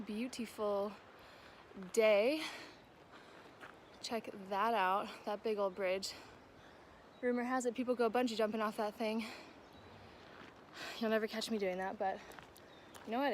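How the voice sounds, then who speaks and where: Higher-voiced young American woman vlogging outdoors. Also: a little hiss or hum. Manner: chatty, informal, breaking off to talk to her dog. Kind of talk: casual outdoor trail vlog chat. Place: outdoors on a hilly trail.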